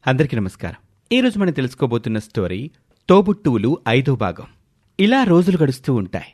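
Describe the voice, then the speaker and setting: A man narrating a moral story in a scripted, expressive storytelling manner. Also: medium pitch, brisk.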